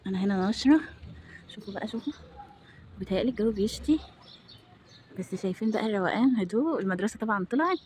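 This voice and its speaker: A woman's voice: mid-range voice, lively intonation, very fast, long pauses, background noise. A young woman with an Egyptian accent chatting casually in a home vlog, exasperated and self-deprecating. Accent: Egyptian Arabic. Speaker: home vlogger.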